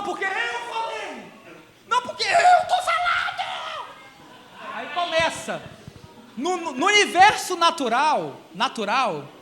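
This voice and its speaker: A Brazilian man preaching a sermon in a church, emphatic and animated, swinging between loud emphasis and quiet asides. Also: very high-pitched, in a large hall. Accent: Brazilian Portuguese. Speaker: guest preacher. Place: large church hall.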